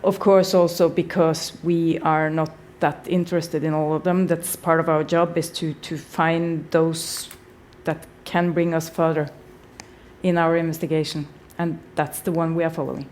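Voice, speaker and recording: Woman host, lowish voice. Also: little pitch movement, normal speed, darkish tone, slight background noise. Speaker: podcast host and journalist. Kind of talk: answering questions at a live podcast event. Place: stage at a live event.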